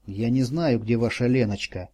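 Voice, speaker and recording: Guy playing a soft-spoken kind man, calming someone down, warm tone. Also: medium pitch, moderate pace, natural voice. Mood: bewildered. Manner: gentle, reassuring. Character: bewildered kind man, gentle.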